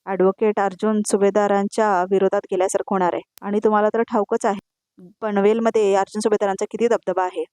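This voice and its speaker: A woman's voice: medium pitch, flat delivery, quick pace, a little mellow, no room sound, studio quality, lightly acted. A woman reading the lines of a blunt, businesslike male lawyer.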